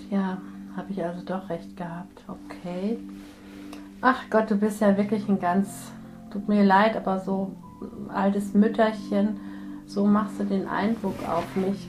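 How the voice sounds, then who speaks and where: A woman working as a spiritual medium, gently guiding a healing session and speaking softly to a soul. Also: mid-range voice, steady tone, measured pace, over music, poor audio. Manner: soft, soothing, gently addressing a soul.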